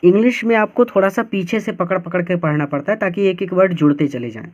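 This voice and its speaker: A man's voice: high-pitched, a little mellow. A man teaching a class lesson, explaining line by line, breaking each sentence into single words and often checking that students follow. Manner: slow, word-by-word explaining with frequent checks.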